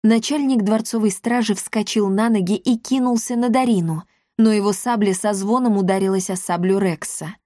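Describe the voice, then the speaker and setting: A woman's voice: medium pitch, normal speed, few pauses, dark tone, dry recording. Woman narrating, dry close recording. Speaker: audiobook narrator. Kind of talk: scripted narration.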